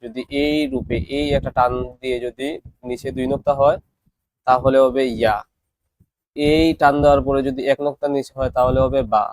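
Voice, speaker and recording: A man teaching Quran reading, patiently explaining and slowly reciting letter names. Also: medium pitch, creaky, a little mellow. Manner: patient, repetitive instruction. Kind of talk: classroom-style recorded lesson.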